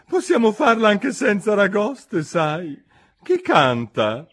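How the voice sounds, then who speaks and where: Man doing the Mock Turtle, high and wailing. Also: wildly swooping pitch, takes it slowly, a bit bright, heavily acted. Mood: excited shouting. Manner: high, wailing and singsong, drawn out. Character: weepy melancholy Mock Turtle, male creature.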